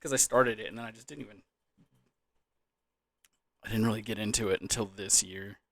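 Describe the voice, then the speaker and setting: A man's voice: lowish voice, fairly even intonation, fairly quick, creaky, fairly bright tone, no echo. A young man in a loose, drunken, rambling casual chat about gaming, trailing off, repeating words and swearing casually. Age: young adult. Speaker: gaming vlogger.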